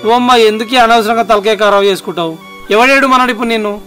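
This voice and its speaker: A man playing a stubborn, bright-voiced village son. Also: high-pitched. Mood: concerned. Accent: Telangana Telugu. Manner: brisk, exasperated arguing. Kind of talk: family drama acting. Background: background music.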